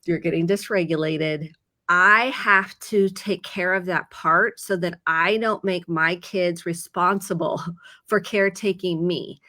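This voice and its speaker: A woman's voice: on the low side, steady tone, slow, sharp tone. A middle-aged woman therapist earnestly explaining ideas with everyday examples. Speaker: licensed therapist. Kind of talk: conversational advice segment.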